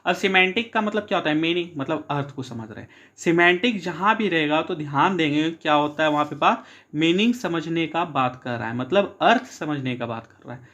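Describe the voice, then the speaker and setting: A male teacher giving an exam-prep lecture, reading English points slowly and then explaining them with frequent checks with his students. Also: on the high side, animated, a bit bright, muffled recording.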